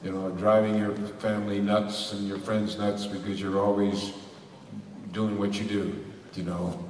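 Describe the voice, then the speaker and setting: A man's voice: on the low side, little pitch movement, a little slow, darkish tone, recorded from a distance, slight background noise. A man speaking as a voice actor on a convention panel, rambling with lots of restarts and laughs. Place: large convention hall. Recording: echoey hall recorded from afar.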